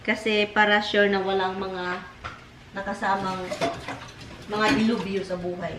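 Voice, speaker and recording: A woman with a Bisaya accent chats casually to her viewers, calling them "guys" and slipping in English words. Her voice sits at an ordinary pitch for a woman. It is recorded on a handheld camera outdoors, with plainly audible noise behind her. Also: flat delivery, unhurried. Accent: Filipino, Bisaya. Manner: chatty, addresses viewers as guys, mixes in English. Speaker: vlogger. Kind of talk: casual vlog talk to viewers while harvesting. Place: home garden and house.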